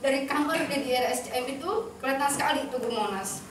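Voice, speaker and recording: A woman's voice: sits high, quick pace. A woman giving an earnest personal testimony to a church congregation. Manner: earnest, heartfelt storytelling. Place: church hall. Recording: echoey hall, mic far off, noisy.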